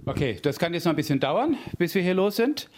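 A man's voice: high voice, big pitch swings, fairly quick, a little mellow. A man hosting a podcast, narrating casually to listeners as he heads out and arrives at a studio, recorded on location. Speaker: radio correspondent and podcast host. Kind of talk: casual on-the-go reportage. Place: outdoors and in an office, field recording.

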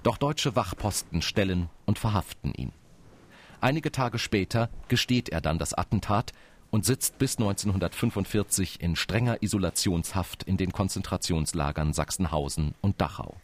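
A man's voice: low-pitched, normal speed. A man reading a scripted documentary narration in a sober, factual manner.

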